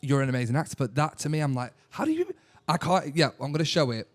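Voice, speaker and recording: A man's voice: medium pitch, very fast. A man hosting a podcast, asking eager, rambling questions in casual chat. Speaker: podcast host.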